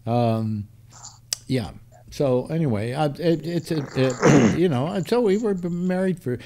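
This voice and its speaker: A man's voice: a little high, animated, a little slow, mellow, slight background noise. An older man hosting a casual panel chat, rambling, repeating himself and cracking dry jokes. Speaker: host.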